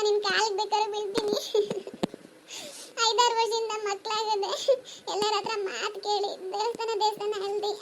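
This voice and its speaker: A woman voicing a shrill, clingy cartoon mother. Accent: Kannada. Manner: pleading, emotional, scolding toward her daughter-in-law. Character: aging mother, clingy, pleading, devoted to her son. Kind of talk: cartoon dubbing.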